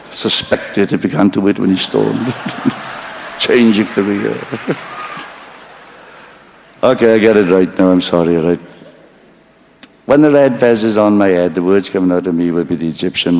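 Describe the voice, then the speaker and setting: On stage, a man with a low, slightly mellow voice tells a rambling story, cursing often and poking fun at himself. He pauses to apologize whenever he slips up, and the recording has a little hiss or hum.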